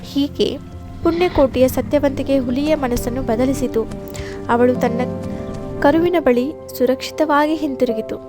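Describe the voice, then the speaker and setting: A woman giving scripted storybook narration of a moral fable in a steady, even reading. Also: sits high, measured pace, over music.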